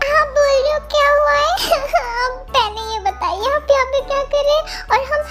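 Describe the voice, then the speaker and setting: Feisty young assistant girl, voiced by a woman, bright high pitch, argumentative, exclaiming. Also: normal speed. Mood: shocked. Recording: faint music behind.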